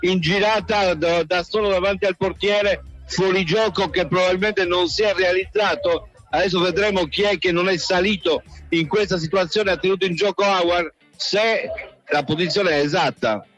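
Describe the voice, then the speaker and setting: A man's voice: sits high, moderate pace, a bit bright, faint music behind. A man giving breathless, insistent live radio football goal commentary, repeating his key phrases.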